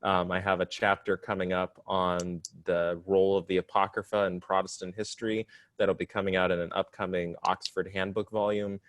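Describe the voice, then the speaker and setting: Deep-voiced and flat in delivery, this twenty-something podcast guest speaks at normal speed with a fairly bright tone and no echo. He's a divinity student chatting casually in an interview, explaining his studies articulately and poking a bit of fun at himself.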